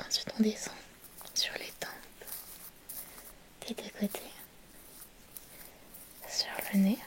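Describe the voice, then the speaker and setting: Whispering woman, quiet at night. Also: takes it slowly. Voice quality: soft, breathy whisper. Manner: quiet at night, hushed and soothing. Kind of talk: whispered role-play, ASMR bedtime pampering.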